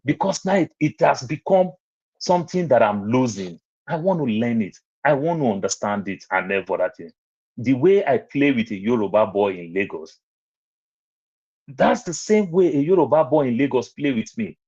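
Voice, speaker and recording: Very animated, this man uses a mid-range, darkish, slightly rough voice at a normal speed. With a Nigerian accent, he rambles through personal anecdotes on a casual online panel, repeating phrases, over muffled lo-fi online audio.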